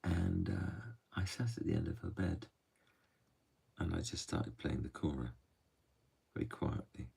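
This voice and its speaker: A man telling a true story softly and gently, often dropping to a hush. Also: low voice, distant mic. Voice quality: gravelly and husky. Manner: soft, unhurried, often drops to a hush.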